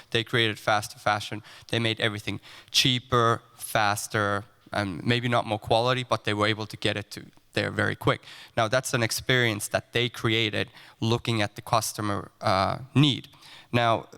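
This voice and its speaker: Low, gravelly, smooth-voiced man from Finland. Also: pushed and bright, long reverb tail. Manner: reflective, builds arguments step by step. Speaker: panelist. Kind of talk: panel discussion.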